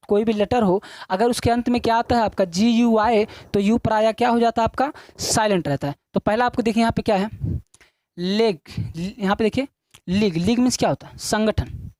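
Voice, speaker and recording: On a dry recording, a woman with a mid-range, darkish voice gives a classroom-style English video lesson. Repetitive drilling defines her manner: she answers her own questions, says each point again, and addresses the students as children.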